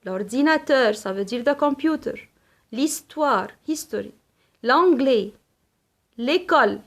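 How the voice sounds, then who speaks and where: Woman teaching french, high voice, goes slow, lists examples one at a time. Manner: switches between French, Arabic and English to explain. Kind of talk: slow, deliberate classroom lesson.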